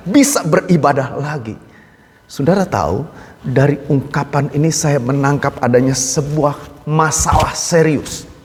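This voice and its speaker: Emphatic man preaching in a reverberant hall. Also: high-pitched. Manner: emphatic preaching, often addressing listeners as brothers and sisters. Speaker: pastor. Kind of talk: sermon. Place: church hall. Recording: long reverb of a large hall.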